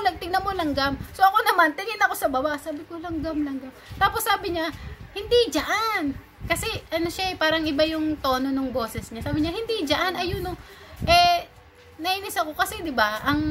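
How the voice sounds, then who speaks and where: A woman from Cavite, Philippines, giving a chatty, animated informal talk and mixing in English phrases. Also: on the high side. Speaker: speaker giving a talk on bullying. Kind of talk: casual informal lecture. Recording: noisy background.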